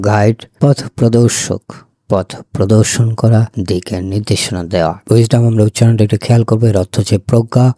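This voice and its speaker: A man teaching English vocabulary to Bengali speakers, saying each word and then repeating its meanings as a slow list. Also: on the low side, mellow, dry recording, clean studio sound. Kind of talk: vocabulary lesson.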